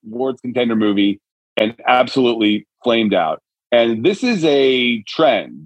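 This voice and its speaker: A man's voice: medium pitch, no room sound, highs cut off. A man hosting a podcast with conversational industry commentary, recorded on a tablet's built-in microphone rather than studio gear. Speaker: podcast host. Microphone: tablet's built-in microphone, away from studio.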